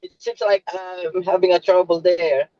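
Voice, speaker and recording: A man's voice: high-pitched, fairly even intonation, moderate pace, no room sound, dull audio. A man from the Philippines hosting a video meeting from his phone while driving, apologetic and flustered. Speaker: meeting host. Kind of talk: casual video call chat.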